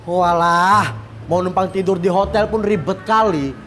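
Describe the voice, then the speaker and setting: A woman with a Medan accent playing a sharp-tongued, bossy middle-aged woman who scolds and complains bluntly. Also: fairly low pitch, unhurried, soft background music, close to an everyday voice. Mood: irritated. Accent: Medan Indonesian. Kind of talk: comedy web drama acting.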